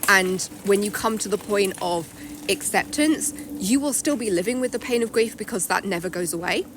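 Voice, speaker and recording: A woman's voice: mid-range voice, noisy background. A woman author, out of breath while walking outdoors, explaining her ideas in a thoughtful, chatty way. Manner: thoughtful, explanatory, quick to laugh. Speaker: author guest. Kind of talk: casual interview walking outdoors. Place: outdoors in a cemetery, traffic nearby.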